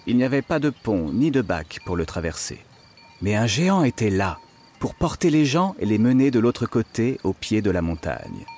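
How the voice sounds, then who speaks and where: A man narrating a children's story in a playful, expressive way as an inventor teacher. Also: lowish voice, normal speed.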